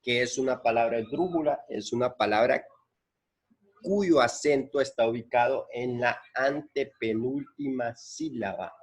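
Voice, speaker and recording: A man's voice: medium pitch, a little hiss or hum. A man teaching a lesson, patiently explaining and repeating points and counting syllables aloud. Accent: Central American Spanish.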